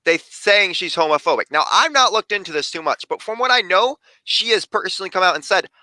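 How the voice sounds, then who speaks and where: A young man hosts a casual podcast in a chatty way, full of quick asides and restarts. His voice is very bright and a little high. It sits dry and close to the mic. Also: lively intonation, no echo, poor audio. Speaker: podcast host.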